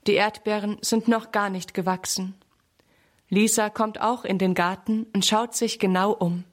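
A woman narrating a children's storybook in clear, even storytelling. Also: medium pitch, a little slow.

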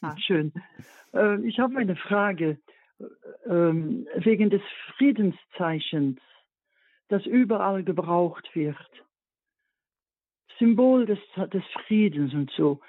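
A woman's voice: medium pitch, expressive, slow, long pauses, no room sound. Lady calling in, lots of ähm, tinny phone sound. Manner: hesitant, many fillers. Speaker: caller. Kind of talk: phone-in call. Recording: tinny dry phone line.

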